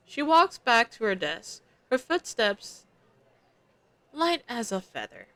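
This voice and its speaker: A woman's voice: on the high side, sing-song, takes it slowly, a bit bright, no echo. A young woman streamer reading a visual novel aloud, dropping chatty, slangy asides between narration.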